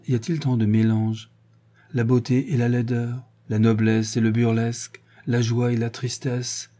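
A man reading a novel aloud as narrator in a calm, measured way. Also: medium pitch, slightly rough. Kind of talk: audiobook reading.

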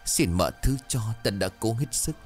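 A man's voice: fairly low pitch, animated, moderate pace, soft background music, lightly acted. A man voicing a hard, scheming old midwife who gives curt orders and feigns sorrow. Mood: feigned grief.

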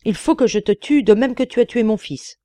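A woman doing a booming vengeful old genie. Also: brisk, warm tone, no room sound, lightly acted. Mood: menacing. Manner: terrible, booming tone. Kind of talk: audiobook reading.

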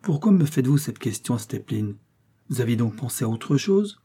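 A man voicing a proud young noblewoman who speaks calmly and haughtily, in an audiobook reading. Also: medium pitch, normal speed, breathy edge. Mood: haughty. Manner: calm, haughty.

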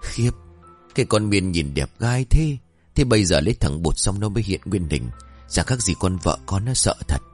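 A cocky young disciple who keeps insisting he is right, his voice pushed high and strained, as a male narrator puts him on. The tone leaps around, with faint music underneath. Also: animated, normal speed, darkish tone. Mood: gossiping. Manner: shrill, insistent arguing.

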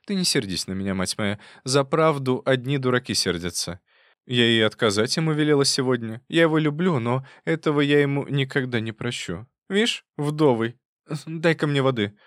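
A man reading an audiobook, voicing a fierce old woman who scolds her niece in a loud, folksy way. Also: mid-range voice, expressive, moderate pace, no echo, clean studio sound, voice pushed up, lightly acted. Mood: scolding.

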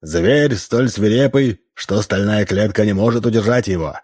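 A man's voice: on the low side, normal speed, a little mellow, breathy edge. A man voicing a showy fairground barker who declaims to the crowd. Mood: pitching. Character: loud male fairground barker.

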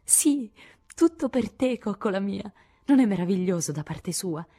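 A woman's voice: mid-range voice, moderate pace, dark tone, breathy edge. A woman reading an audiobook, voicing an eager, outspoken teenage girl. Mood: excited. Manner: eager, gushing.

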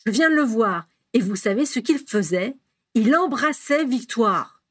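A woman voicing an excited, breathless young boy who teases his brother, reading aloud in a dry, close recording. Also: medium pitch, normal speed, close to an everyday voice.

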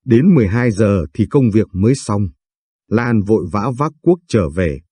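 Guy narrating a sad family drama, low dark husky voice, dry close mic. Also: lively intonation, moderate pace, dry recording. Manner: solemn, dramatic storytelling. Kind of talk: scripted story narration.

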